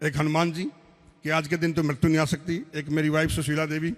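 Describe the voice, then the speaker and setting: A man's voice: on the high side, flat delivery, fairly quick. A veteran soldier giving an earnest, blunt talk to an audience, telling his own story. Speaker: army veteran speaker. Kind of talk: speech to an audience. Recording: reverberant hall.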